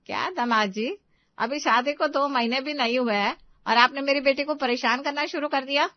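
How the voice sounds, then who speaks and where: A woman's voice: sits high, moderate pace, no room sound, lo-fi sound, pitched above the performer's own voice. A woman voicing a bossy, protective middle-aged mother in a cartoon story, with a stern, scolding tone.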